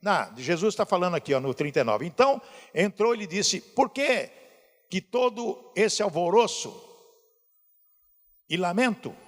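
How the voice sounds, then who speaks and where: A man's voice: high voice, very animated, normal speed, long pauses, fairly bright tone. A male pastor preaching a sermon, asking the congregation questions as he goes. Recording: hall reverb.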